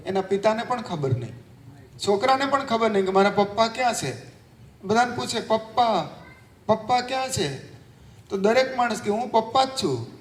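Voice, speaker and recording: A man with a high voice, preaching as a monk. He tells a parable in a storytelling sermon and briefly acts out a child's and a father's lines. His voice rings through an echoey, roomy space. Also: darkish tone.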